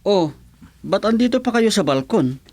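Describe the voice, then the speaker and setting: Earnest young street vendor, swinging pitch. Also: male voice, animated, moderate pace, darkish tone, no echo. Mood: polite. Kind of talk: radio drama acting.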